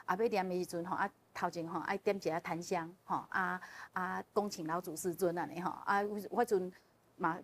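A woman as a guest telling a personal story in casual chat, animated and often laughing as she relives the emotion. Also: fairly low pitch, fairly quick. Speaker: guest sharing a personal testimony.

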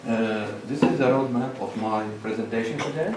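A middle-aged conference speaker with a Lebanese accent delivers a measured academic presentation at a lectern in a large lecture hall, pausing between listed points. His voice is mid-range. Recorded from far off via a lectern microphone and far camera, the hall sounds echoey, with background noise.

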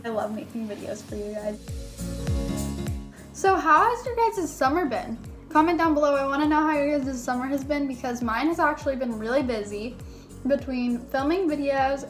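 This high-voiced YouTuber, a young adult woman, keeps up easy chit-chat with her viewers, peppering nearly every line with "like." It's filmed indoors in a small bedroom on a phone at arm's length, and background music plays underneath.

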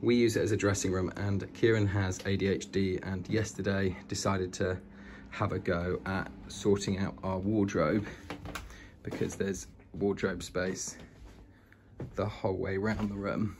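Here a British vlogger tours an old house, chatting in a casual, enthusiastic way as he crosses from room to room. His voice sits low and is a little mellow, with a level tone and measured pace. The home recording, handheld indoors, is noisy.

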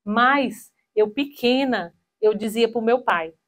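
A woman in her thirties giving a spiritual talk with personal stories on a handheld mic in a small hall, animated and acting out quoted voices. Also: a little high, slow pace.

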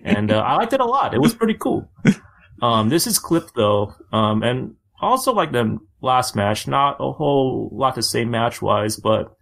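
A man co-hosting a podcast, talking in a relaxed, casual way and filling his speech with lots of "like" and "uh". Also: medium pitch, a little slow, creaky. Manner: relaxed, filler-heavy with frequent "like". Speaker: podcast co-host.

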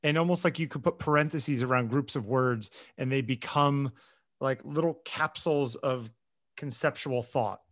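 A man's voice: mid-range voice, moderate pace, a bit bright, no room sound. A man in a casual conversation, wry and searching, who often restarts and repeats words while he thinks aloud. His voice sits in the middle range, and the recording is dry, with no room sound. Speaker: photographer and co-host.

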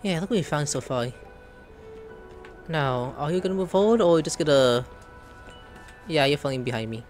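A man with a fairly high, expressive voice gives casual, playful commentary at a normal pace while playing a video game. He reacts aloud as he goes and reads the dialogue in character, like a gaming streamer in an indoor room. Faint game music plays behind his voice.

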